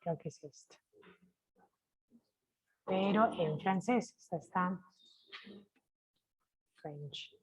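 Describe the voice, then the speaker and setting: Una mujer de Colombia con acento colombiano da una clase de francés en línea, pronuncia despacio los ejemplos y pregunta a menudo si la siguen. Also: female voice, on the low side. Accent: Colombian Spanish. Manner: slow, careful pronunciation of French examples; checks in with frequent "¿cierto?". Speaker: French teacher. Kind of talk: online class, sharing screen.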